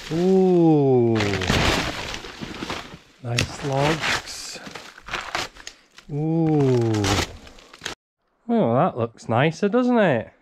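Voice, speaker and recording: A man's voice: medium pitch, a little mellow, slight background noise. A man in his thirties filming himself with a handheld camera while stripping out a half-demolished wooden barn, chatting wryly to himself as he works. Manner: chatty, wry, talks to himself while working. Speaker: homesteader vlogger. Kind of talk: casual self-filmed commentary. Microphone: handheld action camera.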